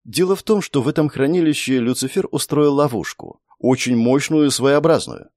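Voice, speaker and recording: A man voicing a serene, ageless female spirit who lives in a pendant, speaking melodically and calmly, in a storybook reading. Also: medium pitch, moderate pace, dry recording, clean studio sound, voice pushed up, close to an everyday voice. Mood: calm, melodic. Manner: melodic, calm, explaining patiently.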